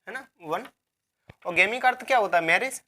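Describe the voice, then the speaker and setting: Woman teacher repeating words slowly. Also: medium pitch, expressive, sharp tone. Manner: repeats key words and asks herself questions; spells words out letter by letter. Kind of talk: vocabulary lecture.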